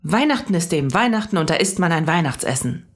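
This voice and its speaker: A woman voicing a flustered mother in a storybook reading, halting and nervous. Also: on the low side, sing-song, voice pushed up.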